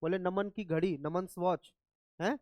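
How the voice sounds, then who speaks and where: A man's voice: high voice, fairly even intonation, measured pace, a little mellow, dry recording. A man teaching English grammar in a classroom lecture, often checking whether students follow. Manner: asks students repeatedly if they follow.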